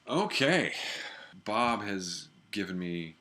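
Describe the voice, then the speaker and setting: A man with a low, bright voice speaks in a measured, expressive way. He leaves deliberate pauses between phrases, in the style of someone reading aloud or commenting on a piece of writing. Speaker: reader and critic of a writer's piece. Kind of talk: expressive reading of a personal narrative, then spoken critique.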